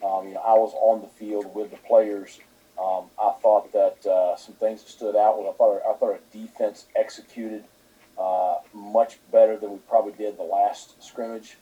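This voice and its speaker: A man, a football head coach, answering questions at a press conference in a halting way, with many fillers. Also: fairly low pitch, little pitch movement, breathy edge, phone-quality sound.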